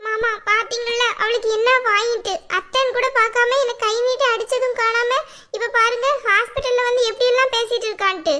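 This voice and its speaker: A woman voicing a scheming, sharp-tongued older female relative who whines and accuses the family. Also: very high-pitched, steady tone, a little fast. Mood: whiny, accusing. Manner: whiny and accusing, melodramatic.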